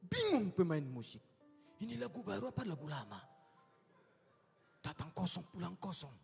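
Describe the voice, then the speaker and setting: A man preaching in a lively, high voice that swings between hushed asides and loud, emphatic bursts. He acts out little scenes for laughs. His voice is slightly husky and rings in a long hall reverb, with faint music behind. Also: normal speed. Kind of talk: sermon.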